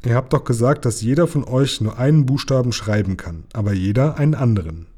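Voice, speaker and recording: A man reading aloud, voicing a clever young boy prince in a quiet, earnest way in his own voice. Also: mid-range voice, a little fast, slightly rough, lightly acted.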